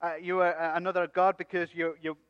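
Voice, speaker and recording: A man's voice: high voice, level tone, fairly quick, smooth, natural voice. A man playing Aaron as a cocky, joking leader who coaxes the crowd in a comic church skit. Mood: playful scheming. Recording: dull sound with long hall reverb.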